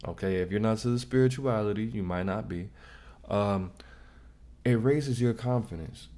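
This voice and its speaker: A man's voice: lowish voice, moderate pace, warm tone. A man hosting a casual reaction vlog, giving direct, slangy advice and often repeating himself. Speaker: vlog host.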